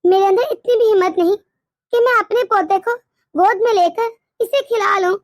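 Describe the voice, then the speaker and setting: A woman's voice: very high voice, moderate pace, dry recording, clean studio sound. A woman voicing a bossy, controlling middle-aged mother-in-law in a cartoon, with a grumbling, scolding manner. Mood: weary. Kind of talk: cartoon voice acting.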